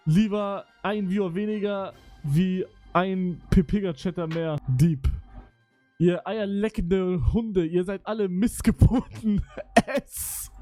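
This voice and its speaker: His voice sitting high, a young man on a live stream reads out chat messages in a casual, mocking way. He curses often and lurches between muttering and sudden loud outbursts.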